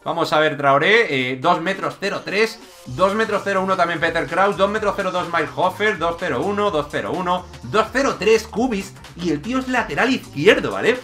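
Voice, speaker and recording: Young man, bright forceful voice, jokey gameplay commentary, music behind. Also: high-pitched. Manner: excitable, jokey, rapid shifts between shouts and mutters. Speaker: gaming YouTuber.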